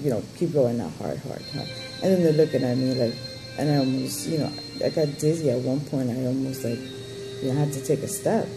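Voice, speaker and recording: A woman's voice: extremely low pitch, vocal fry, poor audio. A woman in her thirties giving a personal update in casual chat, candid and blunt, rambling and swearing freely. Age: 30s. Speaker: vlogger giving a surgery update.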